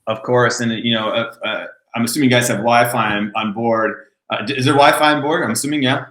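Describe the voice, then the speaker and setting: Bright-voiced chatty male podcast host. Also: mid-range voice, brisk, reverberant, rough recording. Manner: relaxed, chatty, frequent "mm-hmm" backchannels. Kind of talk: casual interview.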